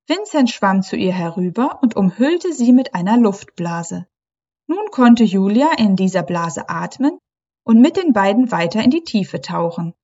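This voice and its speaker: Calm woman reading a children's story. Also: medium pitch, highs cut off. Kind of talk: scripted storybook narration.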